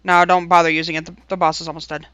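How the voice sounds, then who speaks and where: A man calling out mechanics in gaming voice chat, brisk, barking short commands over a headset. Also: on the high side, level tone, bright, forceful tone, smooth, dull audio. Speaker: raid caller.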